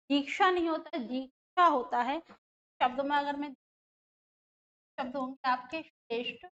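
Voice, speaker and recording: A woman's voice: sits high, fairly bright tone, muffled recording. A woman teacher giving an exam-prep grammar lesson, explaining step by step, repeating terms and putting questions to her students.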